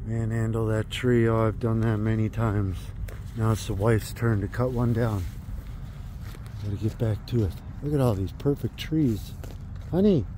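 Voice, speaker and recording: An upbeat man in his thirties chats excitedly while filming himself on a phone held at arm's length. His voice is mellow and dark, with a little faint noise outdoors behind him. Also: fairly low pitch, measured pace. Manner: enthusiastic, chatty, exclaims often. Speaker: vlogger. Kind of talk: casual vlog narration. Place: outdoors at a Christmas tree farm.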